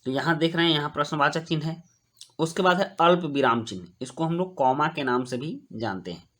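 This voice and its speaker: A man teaching a grammar lesson to young schoolchildren, explaining slowly and clearly and reading example sentences aloud. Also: fairly high pitch, fairly bright tone. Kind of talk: Hindi grammar lesson for children.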